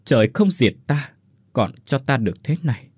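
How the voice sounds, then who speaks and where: A man voicing a frail, dying old woman who speaks faintly and haltingly, husky-voiced. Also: mid-range voice, expressive, darkish tone, dry recording.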